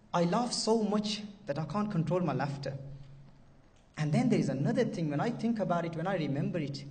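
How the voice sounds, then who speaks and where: A man's voice: fairly high pitch, a little mellow, far from the mic. A man giving a sermon, telling a story with emotion and often repeating and restarting his phrases. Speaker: preacher.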